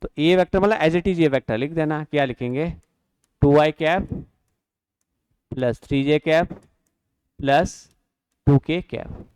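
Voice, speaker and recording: A man's voice: a little high, unhurried, pauses often, darkish tone, smooth, no room sound. A male physics teacher gives a classroom lecture, explaining step by step and answering his own questions as if from students. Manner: mixes English terms into Hindi. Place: classroom or studio.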